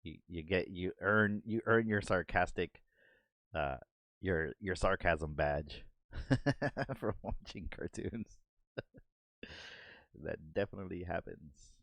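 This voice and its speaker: A man's voice: sits low, slow, pauses often, fairly bright tone, no room sound. A man hosting a podcast, chatting casually while he doodles, laughing often and acting out cartoon moments. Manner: laid-back, laughs often, acts out cartoon bits. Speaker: podcast host and artist. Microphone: desk microphone.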